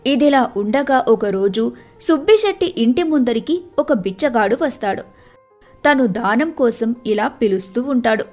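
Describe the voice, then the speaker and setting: A woman narrating a scripted moral tale in a steady, measured way. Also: fairly high pitch, faint music behind. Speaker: storyteller.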